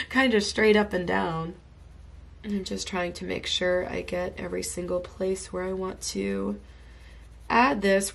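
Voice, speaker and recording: This art tutorial host has a lowish voice with vocal fry. Slightly congested from being sick, she enthusiastically narrates a coloring tutorial while drawing at her home craft desk, keeping things chatty.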